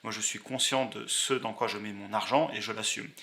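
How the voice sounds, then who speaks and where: Male host, 30s, low-ish voice with a bright edge, fast and chatty, uses fillers. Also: steady tone. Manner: brisk, frequent "euh" fillers, conversational. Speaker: investing channel host. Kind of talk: casual explainer talking over screen charts.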